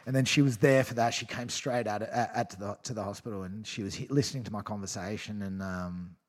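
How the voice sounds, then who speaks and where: A man's voice: lowish voice, steady tone, a little fast. A man in his thirties telling a personal story as a guest, rambling with frequent swearing and laughs. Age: 30s. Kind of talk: casual storytelling.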